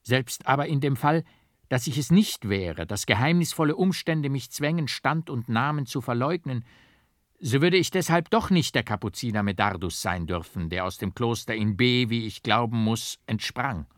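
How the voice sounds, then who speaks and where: A man's voice: mid-range voice, expressive, normal speed, no echo, lightly acted. A man voicing an accused man who protests his innocence in an agitated, emphatic way, recorded dry. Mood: protesting. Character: accused man, proud and desperate.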